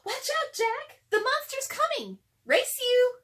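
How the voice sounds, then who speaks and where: A woman voicing an excited, bold seven-year-old girl who calls out in exclamations, from a children's storybook. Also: very high voice, slow, recorded from a distance, pitched above the performer's own voice, full character voice. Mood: excited alarm. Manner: shouting, exclamatory.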